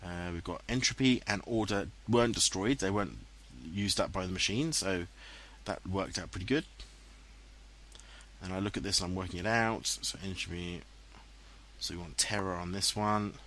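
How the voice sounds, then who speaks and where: A man's voice: low voice, moderate pace, fairly bright tone, a little hiss or hum. Chatty, self-mocking English man narrating gameplay. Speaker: let's play commentator. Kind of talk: casual game commentary. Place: home room, voice-over recorded later. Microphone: headset, dubbed in post-production.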